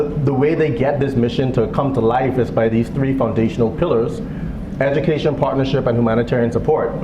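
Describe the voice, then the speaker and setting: A man from the Bahamas in his thirties, a physician giving a fundraiser speech with a relaxed manner and joking asides. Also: mid-range voice. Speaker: guest speaker, physician. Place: event hall. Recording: echoey hall with background noise.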